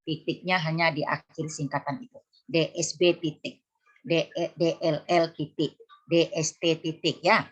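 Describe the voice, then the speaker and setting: Low-voiced woman lecturer correcting students. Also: little pitch movement, measured pace. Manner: corrective, spells out letters one by one, repeats key rules. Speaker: university lecturer. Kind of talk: class lecture on punctuation.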